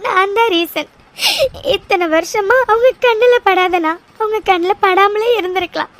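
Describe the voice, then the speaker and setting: A young cartoon heroine, tearful and guilt-ridden, voiced by a performer. Her voice sits extremely high and thin. She stammers and pleads, and keeps blaming herself. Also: moderate pace, a bit bright. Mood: tearful pleading. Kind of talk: cartoon voice acting.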